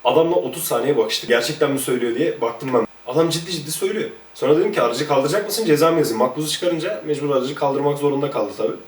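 A man, a former police officer, telling casual stories about his time on duty in a lively, chatty way. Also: on the high side, very fast, hardly any pauses, echoey room, recorded from a distance. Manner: lively, chatty, jumps between anecdotes. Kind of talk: casual anecdotal storytelling.

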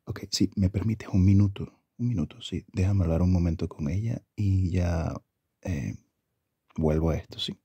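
In an intimate ASMR boyfriend roleplay, a man speaks softly, affectionately and unhurriedly in a low, husky, gravelly voice. The recording has no echo.

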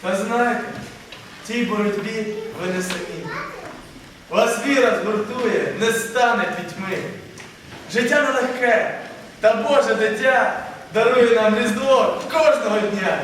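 Man as earnest puppet show storyteller reciting verse, high voice, noisy hall. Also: measured pace, a bit bright. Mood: earnest, hopeful. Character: earnest storyteller delivering a hopeful moral. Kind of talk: scripted verse narration in puppet play. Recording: echoey noisy hall, distant mic.

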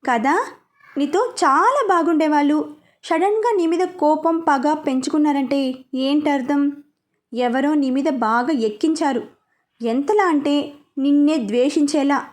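A woman's voice: sits high, measured pace, pauses often. A woman voicing a caring, confident young husband in a read-aloud story. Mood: serious.

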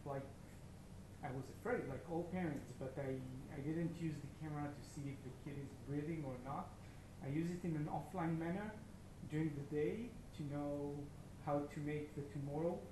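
Israeli founder, mid-age, hesitant and filler-heavy; handheld mic in a large noisy open-plan room. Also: male voice, a little high. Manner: halting, many fillers, non-native phrasing. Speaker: startup founder presenting. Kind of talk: meetup talk. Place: large open-plan office event space. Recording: echoey room with background noise.

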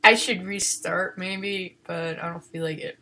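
Excitable woman muttering over a game. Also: on the low side, unhurried, slight background noise. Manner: excitable, swears, shrieks in panic then mutters quietly. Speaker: gaming video host. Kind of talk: casual game commentary.

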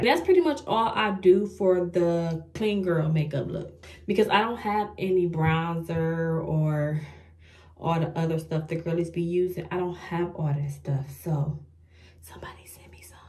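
Speaking at a measured pace in a lowish, slightly mellow voice, a young woman makes a casual get-ready-with-me beauty vlog. She addresses her viewers directly, frustrated and poking fun at herself as she struggles.

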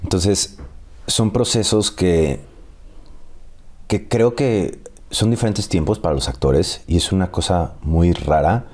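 A Mexican man in his thirties, an actor telling animated stories and laughing often in a casual interview. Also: low voice, slow pace. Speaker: actor guest.

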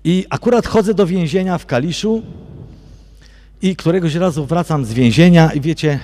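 A man sharing a religious testimony with a church audience, telling his story and turning to listeners with direct questions, going soft and low when he reflects. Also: moderate pace. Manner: addresses listeners directly, often asking "wiecie co?". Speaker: guest giving a religious testimony. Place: large basilica church. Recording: long church hall reverb.

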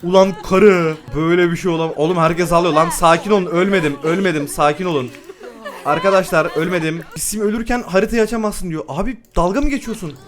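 A young man giving loud, excitable commentary while playing a life-simulation game, laughing and exclaiming often. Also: high-pitched, quick pace, a crowd in the background. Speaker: gaming YouTuber. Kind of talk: excited let's-play commentary.

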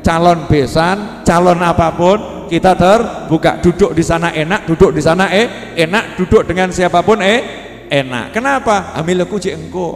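A man's voice: high-pitched, moderate pace, slight background noise. Javanese-accented man preaching in an echoey hall. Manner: folksy and humorous, mixing in Javanese words. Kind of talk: sermon.

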